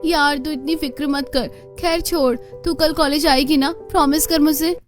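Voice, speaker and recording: A woman voicing a rich, bold young college friend in a cartoon, loud and outspoken. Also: sits high, fairly even intonation, normal speed, faint music behind, natural voice. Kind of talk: cartoon voice acting.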